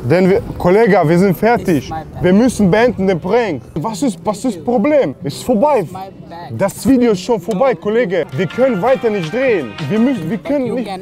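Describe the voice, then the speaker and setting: A man with a high voice pulls a prank on a city street, speaking in deliberately broken, playful German. Music plays behind him outdoors. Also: lively intonation, warm tone. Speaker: prankster YouTuber.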